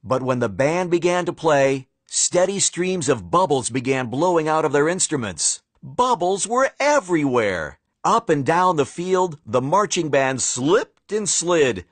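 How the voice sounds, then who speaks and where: A man narrating a children's storybook in a playful, animated way, with dramatic pauses. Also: on the high side, dry recording.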